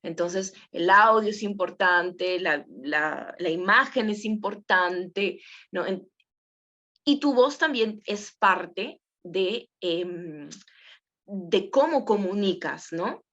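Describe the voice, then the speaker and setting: A woman's voice: mid-range voice, a bit bright, dull audio. A woman teaching a voice and presenting workshop in a conversational way, with many fillers and questions to the class. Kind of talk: spoken workshop lesson.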